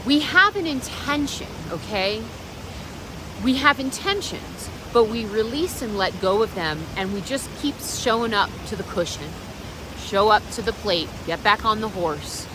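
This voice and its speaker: A woman's voice: mid-range voice, unhurried. Encouraging woman vlogger, noisy outdoor recording. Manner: encouraging, addresses viewer directly. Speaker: vlogger and meditation practitioner. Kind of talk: unscripted reflective vlog talk. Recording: clear steady background noise.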